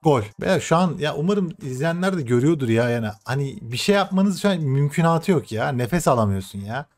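A young man commentating his own football video game matches, excitable and swearing, shouting at the game and then muttering to himself. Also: fairly high pitch, brisk, soft background music. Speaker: gaming streamer.

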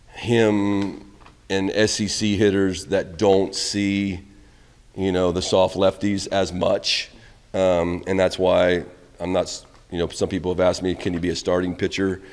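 Low-voiced coach, candid and rambling. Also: male voice, little pitch movement, unhurried, in a large hall. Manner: candid, rambling, trails off quietly at ends of answers. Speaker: college baseball head coach. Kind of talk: postgame press conference. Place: press room in front of a backdrop. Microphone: reporters' phones and handheld mics held close.

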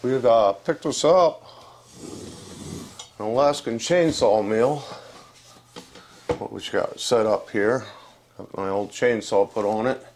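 A man's voice: mid-range voice, slow, long pauses, a little mellow, slight background noise. An older man from West Virginia, giving a casual, rambling update to camera from a room indoors on a lapel mic. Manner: plain-spoken, rambling, many fillers and restarts. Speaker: channel host. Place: indoor room with wooden furniture.

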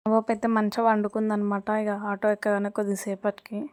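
A woman's voice: medium pitch, monotone, fast, noisy background. A young woman, chatting casually to camera in a vlog, switching to soothing a crying child now and then. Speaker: vlogger.

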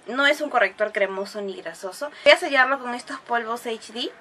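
A beauty vlogger chats her way through a makeup tutorial, explaining every step and breaking into gushing exclamations over the products. Her voice is a little high and a little fast, with a bright, forceful tone, and there's slight background noise.

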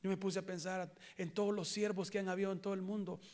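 A man preaching a sermon with a Latin American Spanish accent, swinging from hushed near-whispers to loud impassioned outbursts in a church. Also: sits high, flat delivery, quick pace. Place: church sanctuary in Chicago.

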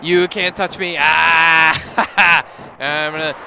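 A drunk man commentating on a wrestling video game, swearing, shouting and laughing at what happens on screen. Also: a little high, steady tone, drawn-out words, gravelly, heavy background noise. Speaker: gameplay commentator. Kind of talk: drunk let's-play commentary. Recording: game music behind the voice. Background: video game music.

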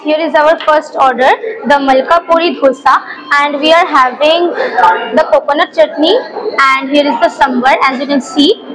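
A Bengali woman from India with a high voice reviews food as a vlogger, firing off enthusiastic short exclamations while tasting. Recorded poorly on a clip-on lapel mic indoors, her voice competes with a busy restaurant's crowd chatter.

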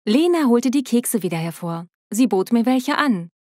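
A young woman tells a dramatic first-person story with emotive scripted delivery. Her voice sits slightly high. The recording is close and dry. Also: animated, moderate pace, dark tone, dry recording.

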